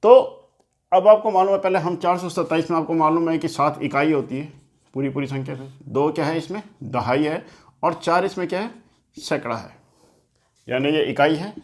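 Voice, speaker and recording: A man's voice: a little high, moderate pace. A man teaching children maths, explaining patiently step by step and often repeating himself while writing on a board. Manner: repeats and rephrases key points. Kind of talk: classroom lesson for children. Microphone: talking while writing on a board.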